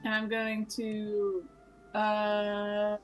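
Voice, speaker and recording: A woman's voice: mid-range voice, monotone, drawn-out words, soft background music. Exasperated woman player, dry humor. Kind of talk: casual tabletop play.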